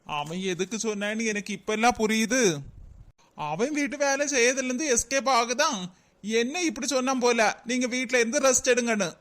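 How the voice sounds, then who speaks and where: A woman's voice: a little high, fairly quick, natural voice. A woman voicing a put-upon middle-aged husband in a cartoon, with a Kanyakumari Tamil accent, complaining and grumbling.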